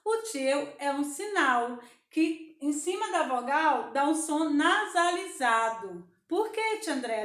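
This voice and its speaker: A woman's voice: high voice, fairly bright tone, echoey room. A young adult woman with a Brazilian Portuguese accent, teaching young children in a sing-song, coaxing voice and answering her own questions. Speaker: primary school teacher.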